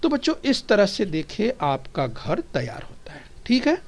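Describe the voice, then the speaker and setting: A male primary school teacher with a somewhat high voice, coaxing young pupils through a recorded lesson. He speaks patiently, spells out each phrase slowly, and keeps urging the children to listen and repeat. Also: huge pitch swings. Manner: addresses the children constantly, coaxing and encouraging.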